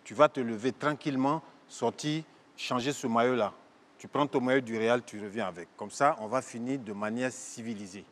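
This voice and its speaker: A man in a comedy sketch, arguing in a mock-calm and indignant way. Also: mid-range voice, moderate pace. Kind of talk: comic sketch argument.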